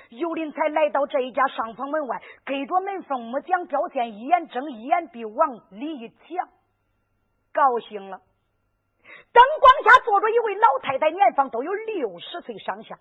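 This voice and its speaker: A woman telling a traditional folk story, who often asks rhetorical questions and answers them herself. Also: high-pitched. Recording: narrow lo-fi radio recording.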